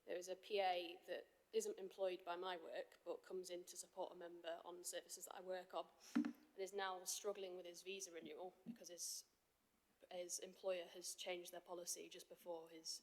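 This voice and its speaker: A woman councillor with a husky voice from being unwell, asking an earnest question in a committee meeting. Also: fairly low pitch, little pitch movement, moderate pace, a little mellow, big-room sound. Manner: earnest, with self-corrections. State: husky from illness.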